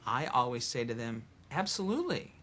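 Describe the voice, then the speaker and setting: Calm, matter-of-fact man explaining. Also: medium pitch, brisk, faint music behind. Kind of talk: documentary interview.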